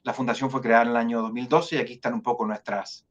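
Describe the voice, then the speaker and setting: A man with a Chilean accent speaks as the guest of an online interview at a middling pitch. He is measured and hesitant, full of fillers and restarts. The call audio sounds a little dull and lo-fi. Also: steady tone. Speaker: foundation director, guest.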